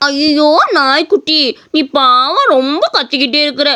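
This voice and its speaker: A woman voicing a kind-hearted young boy who talks gently and coaxingly. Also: high-pitched, moderate pace. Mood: tender.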